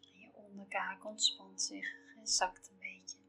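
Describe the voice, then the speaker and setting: A woman reading a scripted guided relaxation in a soft, soothing, half-whispered delivery with measured, calming phrasing. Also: mid-range voice, gravelly. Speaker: guided relaxation narrator for pregnancy. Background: soft music.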